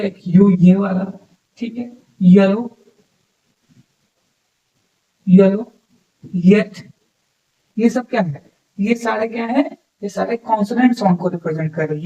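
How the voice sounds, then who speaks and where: A man with a fairly high voice leads an English lesson. He says each example word slowly, repeats it, and keeps checking that listeners follow. The mic sits some way off, so he sounds a little distant. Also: dark tone, lo-fi sound. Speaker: English teacher. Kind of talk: classroom-style lesson.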